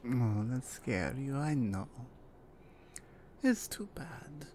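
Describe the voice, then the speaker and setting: Heavily acted and extremely low in pitch, this voice actress's take on a menacing female Russian mafia enforcer comes from an ASMR roleplay. Her Russian-accented delivery is slow and teasing, with lively intonation and soft whispered asides, and a little hiss or hum is audible.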